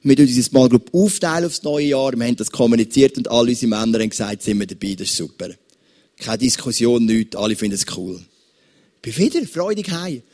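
A man with a Swiss German accent, preaching a sermon as pastor and addressing his listeners with lively examples. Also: medium pitch, quick pace.

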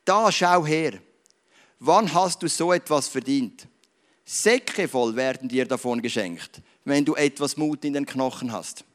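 A preacher putting on a gruff old mercenary recruiter. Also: male voice, medium pitch, unhurried, close to an everyday voice. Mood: coaxing, gruff. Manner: grumbling, coaxing.

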